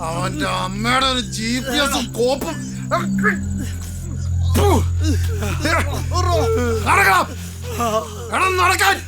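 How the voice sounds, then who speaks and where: A bullying gang leader sneers at his partners and barks orders at them, his voice pitched high and swinging up and down. Loud film music plays under his lines. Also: very animated, measured pace, full character voice, poor audio. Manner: taunting and bullying, shouts orders. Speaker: actor in a film.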